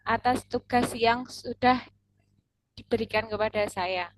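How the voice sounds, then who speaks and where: A woman's voice: a little high, no room sound. Woman on a choppy, breaking-up video call. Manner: polite, careful, halting while repeating. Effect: choppy bad connection with voice breaking up. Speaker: trainee teacher in an online civil-service course. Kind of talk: formal reading of an affirmation statement. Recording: dry, with cut-outs from a poor connection.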